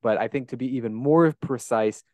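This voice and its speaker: This podcast host, an American man in his thirties with a Great Plains accent, conducts a relaxed interview at home in a bright room, posing inquisitive questions and frequently starting over. His mid-range, darkish voice moves fairly quickly, recorded dry on a handheld dynamic mic held close.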